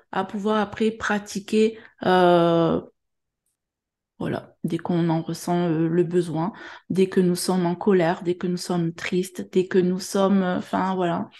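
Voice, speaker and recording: A woman from France with a southern French accent, speaking gently and haltingly as a guest on a video-call interview, with many pauses and fillers. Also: medium pitch, echoey room. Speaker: guest workshop leader. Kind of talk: hesitant conversational interview.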